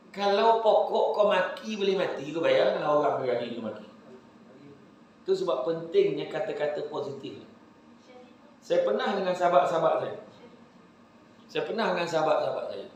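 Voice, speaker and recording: A man preaching with a Malaysian Malay accent, giving a humorous religious talk to a live audience, telling animated stories and joking. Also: on the high side, a little hiss or hum. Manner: animated joking storytelling, laughs often. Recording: very echoey hall.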